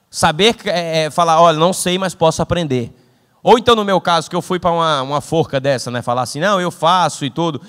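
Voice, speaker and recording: Young man, high-pitched, animated storyteller, long hall reverb. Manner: animated storytelling with acted-out dialogue. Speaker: invited speaker. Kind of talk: humorous motivational talk. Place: event hall.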